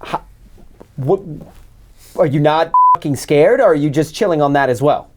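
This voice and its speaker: A man's voice: fairly high pitch, moderate pace, noisy background. A man hosting a podcast, talking casually and questioning in an incredulous way. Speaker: podcast host. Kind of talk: casual interview chat, profane.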